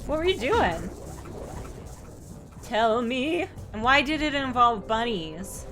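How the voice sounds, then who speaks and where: A woman's voice: a little high, sing-song, slow. A woman live streaming a video game with casual, playful chat in a cute, bubbly anime-streamer manner, often slipping into sing-song repeats. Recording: music playing behind the voice. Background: game music.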